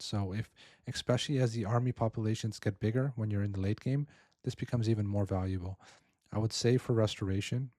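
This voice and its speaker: Tired man coaching strategy, mellow voice. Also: fairly low pitch, no room sound, studio quality. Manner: explains step by step, keeps asking "right?". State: tired, voice wearing out. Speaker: game coach reviewing a viewer's match. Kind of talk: casual strategy commentary.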